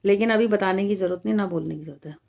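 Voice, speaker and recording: Woman, middle-aged, from India, live-stream host, casual chat, firm and rebutting, repeats points, average pitch. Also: very fast, vocal fry, a little mellow, dull audio. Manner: talks straight to viewers, firm and rebutting, repeats points for emphasis. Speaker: live-stream host reading viewer comments.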